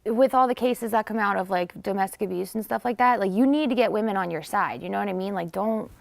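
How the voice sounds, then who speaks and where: A young woman speaks casually on a student sports panel. Her voice has a gravelly, creaky edge. She leans on fillers all the way through. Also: medium pitch, fast talker. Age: young adult. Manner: chatty, many fillers.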